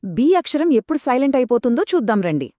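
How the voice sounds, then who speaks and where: Female co-teacher, encouraging and clear, lively intonation, dry close recording. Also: high-pitched, fast talker, dry recording. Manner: encouraging, stresses tips and common mistakes. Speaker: pronunciation co-teacher. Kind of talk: scripted explanatory lesson.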